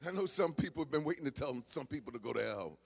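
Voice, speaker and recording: A male pastor a sermon, dropping to quiet asides and then rising into shouted exhortation. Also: animated, fast talker, vocal fry, slightly rough. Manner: swings from low murmurs to shouted exhortation.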